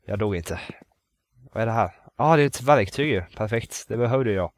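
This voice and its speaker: Jumpy low-voiced man playing horror. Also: lively intonation, no room sound, studio quality. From Sweden. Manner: jumpy, swears when startled, repeats phrases; nervous muttering to himself. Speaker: gamer playing a horror game. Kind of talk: let's play commentary.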